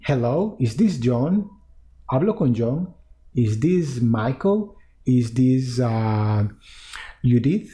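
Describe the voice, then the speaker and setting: A man teaching an English lesson to Spanish speakers, repeating English phrases slowly and then explaining them in Spanish. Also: medium pitch, dark tone.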